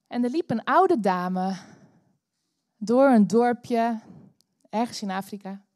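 A Dutch woman preaching a sermon in church, telling a story with animated bursts of energy. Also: on the high side, slow pace, no room sound, studio quality. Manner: animated, bursts into loud cheering when acting out the story. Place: church hall.

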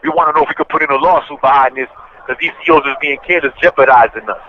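Man on a prison phone, slightly high. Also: rapid-fire. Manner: blunt street slang, rambling complaints. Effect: on a prison phone call. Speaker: inmate calling in. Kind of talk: casual phone chat. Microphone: prison payphone handset. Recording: muffled prison phone line, faint hiss.

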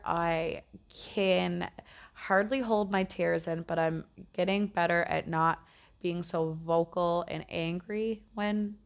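Earnest, reflective woman podcaster. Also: fairly low pitch. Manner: reflective, earnest, self-correcting. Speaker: podcast host. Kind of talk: casual solo podcast talk.

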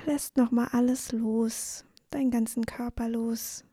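A woman narrating a guided bedtime sleep meditation in a soothing, gentle, breathy voice that often nears a whisper. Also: on the high side, flat delivery, measured pace, no echo, studio quality. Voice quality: breathy, soft.

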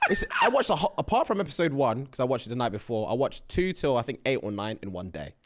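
Animated young London roadman, slangy banter. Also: mid-range voice, fast, slight background noise. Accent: London, urban slang. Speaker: podcast co-host. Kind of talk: casual banter between friends.

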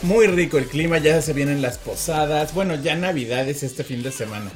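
A man's voice: on the high side, normal speed, faint music behind. A man from Mexico City with a Mexican accent, hosting a radio show in an upbeat, chatty way. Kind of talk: casual chat.

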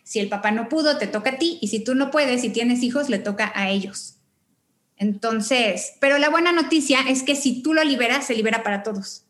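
A woman's voice: fairly high pitch, a little fast, fairly bright tone. A woman, a guest who explains family constellations with homely analogies. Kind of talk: casual explanatory chat.

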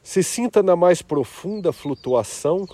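A man leading a guided meditation in a slow, soft-spoken, reflective way. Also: sits high, lively intonation, dry recording.

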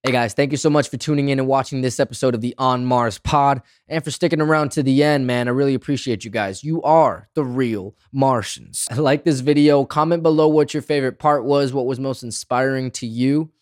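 A man's voice: mid-range voice, a little fast, hardly any pauses, no echo, clean studio sound. A man hosting a podcast in casual chat, laid-back and full of slang. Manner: laid-back, heavy on slang like bro and dude. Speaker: podcast host.

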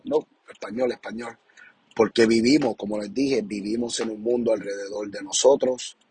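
A man's voice: medium pitch, darkish tone, slight background noise. A young adult man, hosting a podcast in a casual monologue, passionate and encouraging, often repeating his points and tagging them with a question. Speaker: podcast host.

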